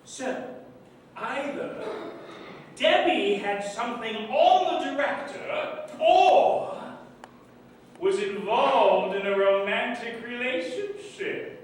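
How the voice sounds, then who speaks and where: A man's voice: very high voice, expressive, slow pace, a little hiss or hum, exaggerated voice. A man playing a pompous detective on stage, lecturing and commanding the suspects. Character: pompous male detective running a murder inquiry. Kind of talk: stage play acting. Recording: echoey stage from far off, faint ambience.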